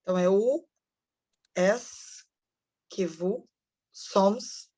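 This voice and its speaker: Woman, student, hesitant, very slow, online class. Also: mid-range voice, mellow. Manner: hesitant, slow, unsure attempts.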